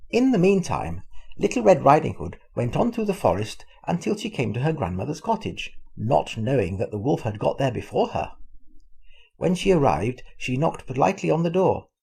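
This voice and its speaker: An older man reads a fairy tale aloud to his grandchildren. His delivery is animated, and his pitch moves widely. His voice is gravelly and husky. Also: normal speed. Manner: expressive, animated storytelling. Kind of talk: storybook reading.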